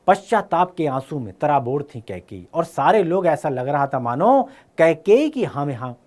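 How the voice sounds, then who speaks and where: A male teacher with a fairly high voice walks students through a poem. He recites the verse lines slowly, then explains them in easy speech, checking in with the class as he goes. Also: sing-song, a little mellow. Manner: uses fillers like "है ना" and "clear है".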